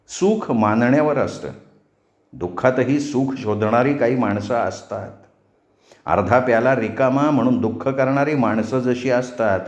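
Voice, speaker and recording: A man narrating a novel as a storyteller, with a measured, expressive reading. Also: medium pitch. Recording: roomy echo.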